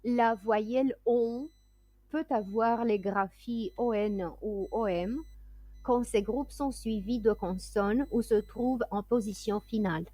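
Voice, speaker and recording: A woman teaching French pronunciation, reading word lists and example sentences in a careful, clearly enunciated way. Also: a little high, slow pace, warm tone, no room sound. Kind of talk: slow, deliberate word-list reading.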